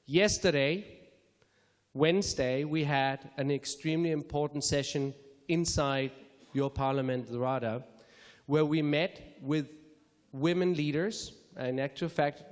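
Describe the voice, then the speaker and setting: A man from Denmark giving measured, formal opening remarks at a public lecture, with careful phrasing and the odd self-correction. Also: medium pitch. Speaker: speaker introducing a public lecture. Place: lecture hall. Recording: reverberant lecture hall.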